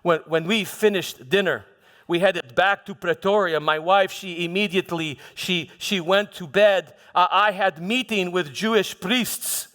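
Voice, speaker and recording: A man with a high, fairly bright voice performs a dramatic first-person monologue in church as a troubled Roman governor. He recounts his past uneasily, haltingly, repeating words and pausing for emphasis. The recording sits in an echoey hall with long reverb.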